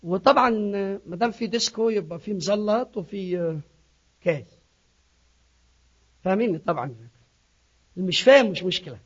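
A man preaching a sermon, swinging from hushed asides to shouted appeals. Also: high-pitched, expressive, fairly quick, pauses often, breathy edge. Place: church in Sydney. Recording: dull lo-fi recording.

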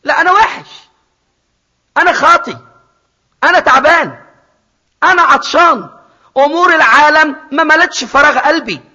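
A man's voice: lively intonation, moderate pace, long pauses, heavily acted. Man acting out a desperate remorseful prodigal son. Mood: anguished. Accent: Egyptian Arabic. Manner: loud, high, anguished inner monologue. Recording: dull, reverberant hall sound.

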